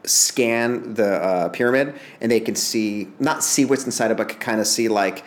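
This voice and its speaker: A man telling a strange story in casual chat, rambling and animated, laughing often and acting out quotes in raised voices. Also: mid-range voice, moderate pace.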